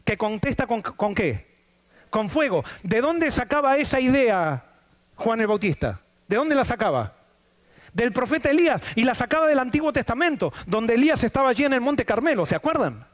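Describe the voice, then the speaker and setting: A man's voice: very high voice, very animated, moderate pace. A man preaching a sermon to a congregation in a church, asking them questions and answering them himself. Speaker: pastor.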